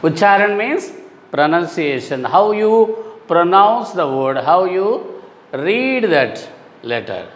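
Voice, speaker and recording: A man teaching a recorded lesson to young children, explaining slowly and repeating sounds aloud. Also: high-pitched, sing-song, fairly bright tone, in a large hall.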